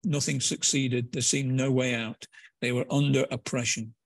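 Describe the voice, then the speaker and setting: A man's voice: medium pitch, little pitch movement, normal speed, dry recording. A man preaching a conversational sermon in a church, with hesitant fillers and restarts. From England.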